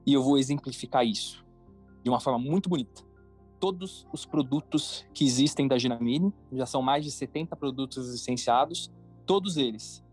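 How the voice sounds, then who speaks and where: A man with a medium-pitched, slightly mellow voice and a Brazilian Portuguese accent is a podcast guest, a cartoon creator and entrepreneur. In casual interview talk he speaks emphatically, often repeating phrases to drive points home.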